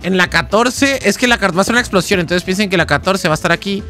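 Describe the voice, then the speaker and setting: High bright-voiced Mexican streamer. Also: male voice, fast talker, faint music behind. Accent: Mexican Spanish. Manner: chatty, thinks aloud, slangy. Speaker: gaming streamer. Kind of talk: casual live-stream commentary.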